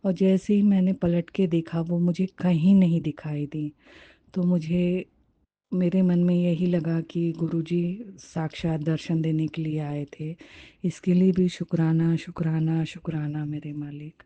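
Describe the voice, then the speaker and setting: A woman's voice: deep voice, level tone, a little slow, dark tone, no echo, muffled recording. A woman sharing a devotional testimony and fervently repeating her words of thanks.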